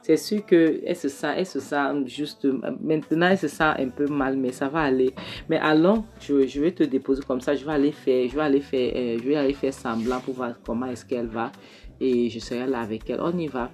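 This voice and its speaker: A woman's voice: very deep voice, fairly even intonation, a little fast, darkish tone. Woman casually retelling a film plot. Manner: retells scenes quoting dialogue, with frequent restarts. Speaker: film recap narrator. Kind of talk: casual movie recap storytelling. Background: faint background music.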